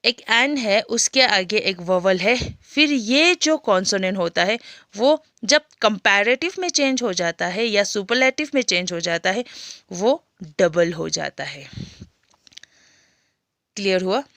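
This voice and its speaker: A woman teacher with an Indian accent, explaining English grammar to a class step by step and often asking whether it is clear. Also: medium pitch, lively intonation, measured pace, fairly bright tone, no room sound.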